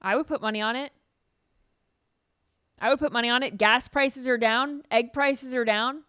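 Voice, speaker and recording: High-voiced woman host, dry close sound. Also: moderate pace, bright, forceful tone, no echo. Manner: dismissive, emphatic. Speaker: show host. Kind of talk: opinionated commentary.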